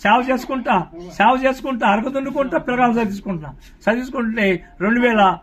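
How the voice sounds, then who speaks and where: A middle-aged man tells his life story as a pastor. His voice sits notably high, and he speaks with earnest, plain conviction. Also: fast, breathy edge. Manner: earnest storytelling, acting out prayers and God's words. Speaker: pastor giving his testimony. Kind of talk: spoken testimony in an interview.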